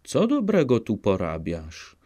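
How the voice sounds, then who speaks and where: A man doing a slow, coaxing wolf suitor. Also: lowish voice, huge pitch swings, warm tone, heavily acted. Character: male wolf suitor, smooth-talking.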